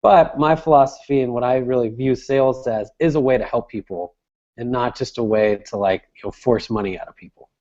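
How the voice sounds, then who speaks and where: A sales director appearing as an interview guest speaks in a mellow, soft-edged medium-pitched voice, a little fast. He explains things conversationally and restates phrases as he goes, and the audio is slightly dull and lo-fi.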